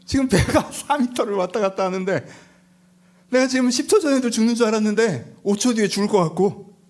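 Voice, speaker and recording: A male pastor giving a lively, conversational sermon, telling the story with rhetorical questions and acting out the people in it. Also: sits high, fairly quick. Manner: animated storytelling, acts out disciples and Jesus, rhetorical questions. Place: church sanctuary.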